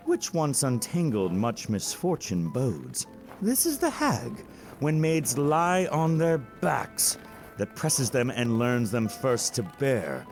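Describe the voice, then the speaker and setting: A man's voice: mid-range voice, a little mellow. A man playing Mercutio, a witty, fanciful, teasing young man, in a theatrical storytelling delivery for a Shakespearean audio play.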